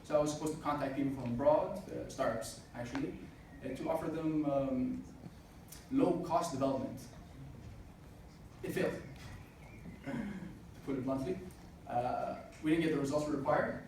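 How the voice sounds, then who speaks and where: Speaking at normal speed with a medium pitch, vocal fry and a darkish tone, this twenty-something man gives a sincere motivational talk at a student business event. He says "uh" often. It was recorded at a distance in an echoey, noisy hall.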